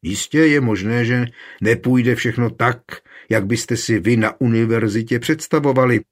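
A man's voice: medium pitch, lightly acted. A man reading a bold radical preacher who challenges the scholars. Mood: challenging. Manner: challenging, proverb-quoting.

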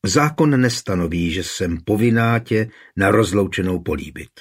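A man's voice: on the low side, lively intonation, husky. Man voicing a cold, curt young wife. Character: cool estranged young wife, curt and unmoved. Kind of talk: audiobook character reading.

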